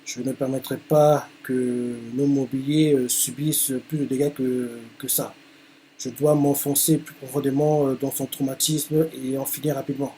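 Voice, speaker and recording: Man voicing a cold male manager, low, muttered inner monologue, quiet. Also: flat delivery, normal speed, a little hiss or hum, lightly acted. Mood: grim.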